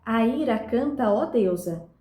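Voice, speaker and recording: A woman's voice: on the high side, expressive, unhurried, warm tone, reverberant. A woman teaching a recorded lesson to her viewers, explaining step by step and speaking to them directly. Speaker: literature teacher.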